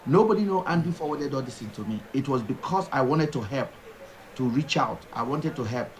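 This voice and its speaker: A man's voice: mid-range voice, animated, a little fast, rough recording. A man hosting a call-in talk show, talking emphatically and firing off rhetorical questions. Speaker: show host.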